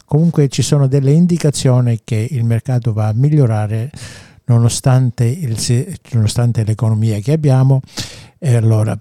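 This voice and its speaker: A man's voice: medium pitch, dark tone, dry recording, studio quality. A man with a Sicilian accent giving informative radio talk as a real estate expert.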